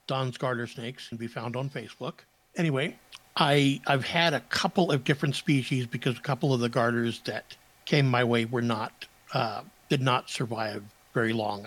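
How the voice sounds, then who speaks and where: Dude cohosting a podcast, dry sarcastic humor, mid pitch. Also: male voice, a bit bright. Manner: wry, sarcastic asides. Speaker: podcast co-host. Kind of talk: casual podcast chat.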